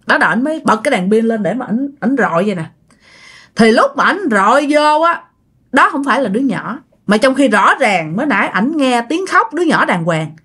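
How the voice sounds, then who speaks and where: A woman's voice: fairly high pitch, fairly bright tone, husky. Chatty woman telling ghost stories. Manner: chatty, addresses listeners directly. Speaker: storyteller. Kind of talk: casual ghost story narration.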